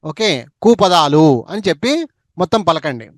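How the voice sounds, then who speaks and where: A man teaching a read-aloud spelling drill, saying each word slowly and repeating it so pupils can echo him. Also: a little high.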